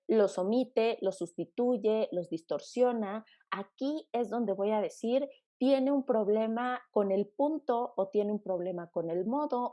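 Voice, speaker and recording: A woman's voice: medium pitch, dark tone. A woman speech therapist teaching an online class, emphatic and repetitive, asking and answering her own questions. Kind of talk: online lecture.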